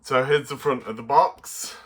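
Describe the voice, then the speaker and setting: A man presenting a casual toy review to camera, with an excitable, playful kids-show delivery that is often halting and hesitant. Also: medium pitch, slight background noise.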